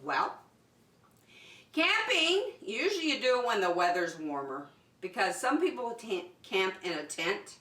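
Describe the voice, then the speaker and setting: With big pitch swings, a mid-range voice and a sharp tone, a woman preschool teacher speaks unhurriedly to young children. She's hosting story and circle time with singing, using short, simple, encouraging phrases, captured from a distance in a spacious room.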